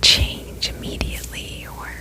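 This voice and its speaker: A woman whispering a gentle, reassuring pep talk in a reflective ASMR style, her voice breathy and unvoiced. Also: a little slow. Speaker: ASMR host.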